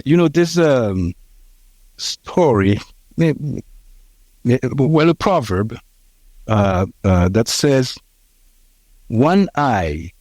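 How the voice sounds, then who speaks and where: A Haitian man in his sixties, a podcast guest, telling his life story in a reflective, halting way with many fillers and restarts. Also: fairly high pitch, darkish tone, no room sound. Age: 60s.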